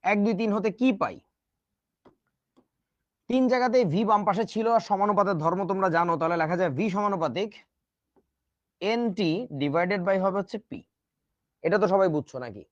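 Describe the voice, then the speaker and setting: A man with a high voice teaches a laid-back online chemistry lecture at a moderate pace, pausing often. He chats and jokes with his students, and the audio is muffled but without echo.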